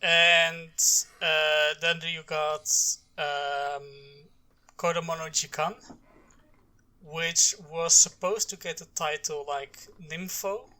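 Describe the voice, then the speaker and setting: A man's voice: a little high, fairly even intonation, takes it slowly, bright, forceful tone, clean tone. A man whose first language is Dutch, in casual discussion.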